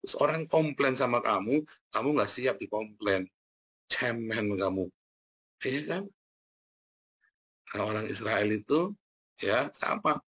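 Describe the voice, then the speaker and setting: A man preaching a sermon as pastor, animated and laughing, talking directly to his listeners. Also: on the low side, measured pace, long pauses, slightly rough. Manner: animated, laughing, talks to the congregation as "saudara".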